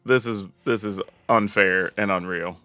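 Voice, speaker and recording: A man from the American South commenting casually on his own card game, thinking aloud and getting excited over big plays. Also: fairly low pitch, a little slow, no room sound, faint music behind. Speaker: gameplay commentator.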